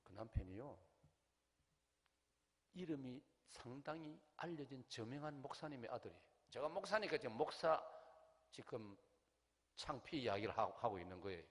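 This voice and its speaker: A middle-aged pastor with a Gyeongsang accent preaches at a revival meeting. His voice sits at an ordinary middle pitch, and he tells his story with lively asides to the congregation. A long church reverb hangs behind every phrase. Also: moderate pace, pauses often. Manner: animated storytelling, acts out quoted voices, asks the congregation questions. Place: large church sanctuary.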